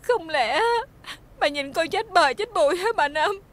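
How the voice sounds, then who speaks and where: A wronged young maid, Southern Vietnamese, high-pitched, tearful pleading. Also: female voice, animated, measured pace, a bit bright. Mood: sobbing. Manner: tearful pleading, breaks into sobs. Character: young maidservant, scalded face, wronged and desperate. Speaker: maidservant. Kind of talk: TV folk-tale drama acting.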